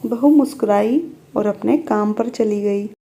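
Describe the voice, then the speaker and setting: Woman with a dark, mellow voice telling a story. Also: medium pitch, unhurried, creaky. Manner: steady, plain storytelling. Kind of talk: storytelling narration.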